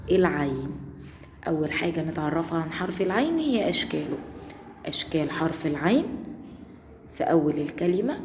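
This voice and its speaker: A woman with an Egyptian accent gives a lesson to small children, coaxing and drawing words out slowly so they can follow. Her voice sits fairly low for a woman. It rings in a roomy space with a long reverb. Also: darkish tone, slight background noise. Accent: Egyptian Arabic. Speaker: primary school Arabic teacher. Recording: echoey room with long reverb.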